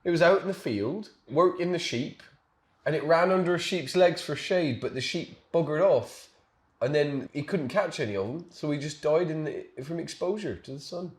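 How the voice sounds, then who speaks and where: A man playing a crude, deadpan country farmer who rambles. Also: on the high side, moderate pace, echoey room, lightly acted.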